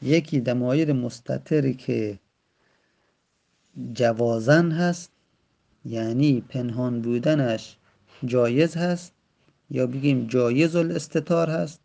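Gravelly-voiced man teaching grammar patiently. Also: medium pitch, long pauses, dark tone. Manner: patient, repeats and rephrases terms, addresses the student directly. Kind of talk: explanatory lesson. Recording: dull lo-fi recording.

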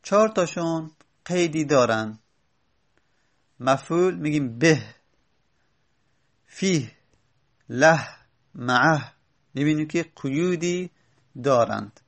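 A man's voice: fairly high pitch, lively intonation, long pauses. A man teaching a grammar lesson, explaining step by step and stopping to correct himself. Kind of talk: spoken classroom lesson.

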